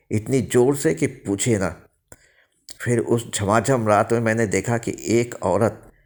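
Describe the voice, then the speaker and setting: Male storyteller, low-pitched, meandering first-person ghost tale full of fillers. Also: a little mellow. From India. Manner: rambling, with many fillers and restarts.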